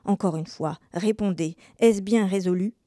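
A man's voice: high-pitched, moderate pace, mellow, no echo, clean studio sound, lightly acted. A woman voicing a jealous young man, in his early twenties, who insists and begs in a dramatized reading. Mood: pleading. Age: young adult. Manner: pleading, insistent. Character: young man spurned in love, pleading and jealous.

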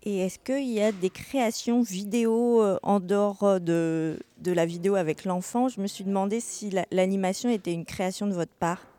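A woman's voice: mid-range voice, steady tone, moderate pace, few pauses, dark tone. A woman who reads a story aloud in a theatrical way and then asks questions as an interviewer. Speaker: reader and interviewer. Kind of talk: theatrical reading.

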